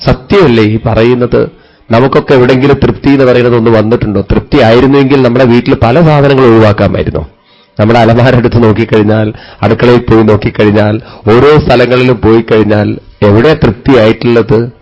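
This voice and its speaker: A man's voice: medium pitch, steady tone, a little fast, darkish tone. A man, a swami, giving a devotional discourse in a chatty storytelling manner full of rhetorical questions, in a dull lo-fi recording.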